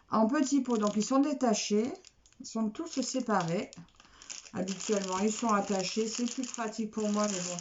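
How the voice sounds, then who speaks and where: A woman talks slowly and unhurriedly while unboxing craft kits at home, musing aloud, repeating small words and filling pauses. The recording is dull and lo-fi, with a faint hiss underneath. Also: mid-range voice, darkish tone. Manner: chatty, repeats words, many "alors" fillers. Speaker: craft vlogger. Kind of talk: casual unboxing chat.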